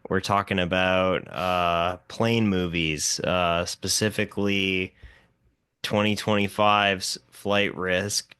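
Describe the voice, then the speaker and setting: A man's voice: low-pitched, steady tone, takes it slowly, sharp tone, clean tone, dry recording, clean studio sound. A man co-hosting a podcast, chatting casually about films and hesitating often with "uh" and "like". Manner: hesitant, filler-heavy, with many "uh"s and "like"s. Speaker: podcast co-host. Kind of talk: casual film discussion.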